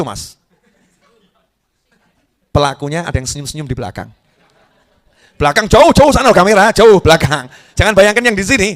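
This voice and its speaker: A middle-aged male preacher, giving a joking, conversational sermon to a live audience. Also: fairly high pitch.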